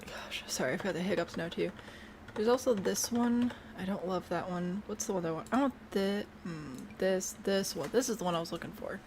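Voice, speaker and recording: A woman's voice: mid-range voice, moderate pace, a little mellow, a little hiss or hum. A woman chatting casually to herself while she builds in a video game, bubbly and prone to trailing off mid-thought. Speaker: game streamer.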